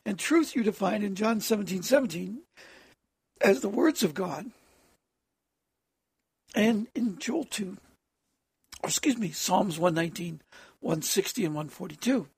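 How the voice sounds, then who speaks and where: Harsh, hoarse preacher with a gravelly rasp. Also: mid-range voice, expressive, no room sound, studio quality. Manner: halting, with frequent throat clearing. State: hoarse, having trouble with voice, clearing throat. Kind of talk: extemporaneous sermon addressed as prayer.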